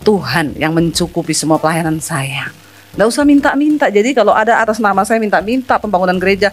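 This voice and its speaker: A middle-aged woman pastor delivers a sermon in a high voice, emphatic and scolding as she speaks straight to her congregation. Faint music plays behind her. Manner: emphatic, scolding preacher addressing the congregation directly.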